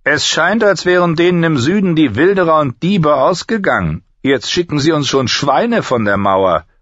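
A man voicing a cold, sneering middle-aged male master-at-arms with a sharp, booming voice and a mocking manner. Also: expressive, normal speed, no echo, lo-fi sound. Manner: mocking, contemptuous.

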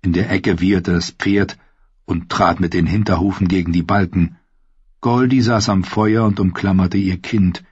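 A man reading scripted narration for an audiobook in a steady, measured way. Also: sits low, husky, dry recording. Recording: slightly dull dry studio recording.

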